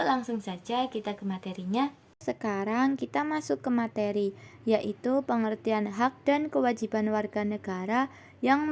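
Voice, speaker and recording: A young woman, a university student, presenting a scripted lesson in a steady reading voice that rises on her points. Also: a little high. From Indonesia. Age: young adult.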